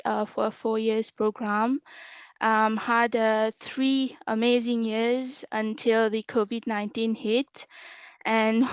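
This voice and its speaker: Slow, clear Mauritian woman. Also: fairly high pitch, dry recording. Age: 20s. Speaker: alumni guest speaker. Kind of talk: personal testimony to an online session.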